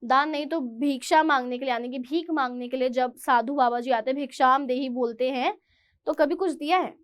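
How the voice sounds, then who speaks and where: A woman teacher who reads lines slowly and then explains them in Hindi. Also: sits high. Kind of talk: chapter explanation lesson.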